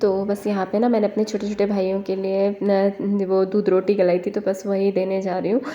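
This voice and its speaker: A young woman vlogger with a slight cold chats in a homely, rambling way. Her voice sits at an ordinary middle pitch. She strings her thoughts together with soft fillers as she goes. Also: monotone, moderate pace, highs cut off, a little hiss or hum. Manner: chatty and homely, full of fillers like "na" and "matlab". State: has a cold. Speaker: home vlogger. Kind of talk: casual vlog chat.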